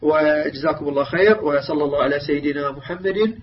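A man teaching a Quran recitation lesson, pausing on filler sounds and slowly sounding out example words. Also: fairly high pitch. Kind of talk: tajweed lesson. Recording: distant mic, dull lo-fi sound.

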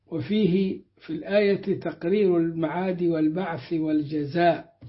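A man with a fairly high voice teaches a Quran commentary lesson, reading each verse and then unpacking it in a measured, explanatory way. The recording is dull and lo-fi. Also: fairly even intonation. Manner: measured explanatory delivery, slows when quoting verses.

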